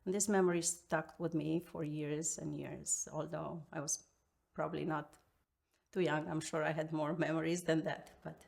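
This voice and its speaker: Speaking deeply with vocal fry and a slightly mellow quality, this Romanian-accented woman in her fifties from Romania recounts her life as an interview guest. Her intonation stays fairly even, and she reflects haltingly, pausing often.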